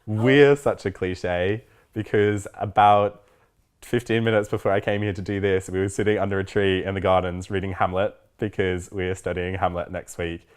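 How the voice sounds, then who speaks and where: Low-voiced young man. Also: steady tone, moderate pace, clear, resonant tone. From Australia. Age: young adult. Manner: playful, enthusiastic storytelling. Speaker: university student. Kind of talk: casual interview testimony.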